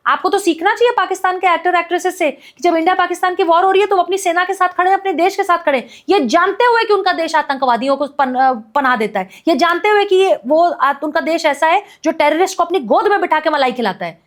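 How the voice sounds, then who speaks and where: A woman activist talking as a guest on a podcast, her voice pitched very high. She argues with heated conviction, piling up repeated phrases and rhetorical questions. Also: quick pace, few pauses. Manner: forceful, repetitive rhetorical ranting. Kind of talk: impassioned podcast commentary.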